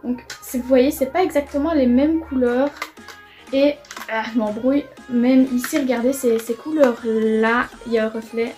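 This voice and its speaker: With faint music behind her, a young beauty vlogger with a darkish voice on the high side talks at a moderate pace through a makeup try-on at home near a window. She's eager and chatty, leaning on fillers and the word "franchement."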